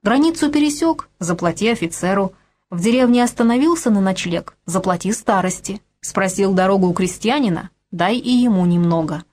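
A woman voicing a brisk middle-aged man, a scheming financier who lectures crisply and commands. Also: mid-range voice, darkish tone, natural voice. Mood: lecturing. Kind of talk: audiobook character voice.

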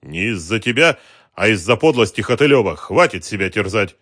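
A stern, commanding detective in a storybook , as a male narrator puts him on. He speaks curtly and firmly, with a lively pitch, in a dry, close recording. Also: a little fast, slightly rough, no echo. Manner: stern and curt. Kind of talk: audiobook character voice.

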